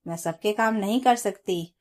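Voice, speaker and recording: A woman's voice: mid-range voice, moderate pace, a little mellow, lightly acted. A woman storyteller voicing a stern, bossy mother-in-law who scolds her daughter-in-law. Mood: scolding.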